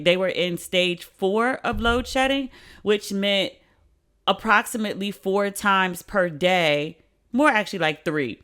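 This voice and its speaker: A woman's voice: mid-range voice, a bit bright, clean tone. A tipsy woman hosting a podcast, talking casually and unscripted in salty, slangy language with repeats for emphasis. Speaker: podcast host. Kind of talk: casual chat, unscripted monologue.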